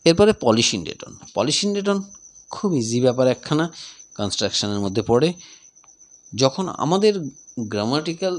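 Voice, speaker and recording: A man teaching literature, explaining in mixed with English terms and reading quoted lines slowly. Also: medium pitch, sing-song. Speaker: tutor. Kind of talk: recorded English literature lesson.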